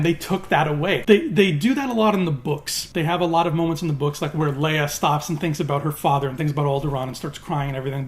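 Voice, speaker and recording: A man giving an enthusiastic, casual spoken film review, acting out little quotes as he goes. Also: fairly high pitch.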